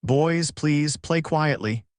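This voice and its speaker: A man's voice: a little high, slow, dry recording, studio quality, pitched above the performer's own voice. A man voicing a busy father, stern with his sons but meek with his wife, in a storybook reading. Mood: placating. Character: harried father doing tax paperwork.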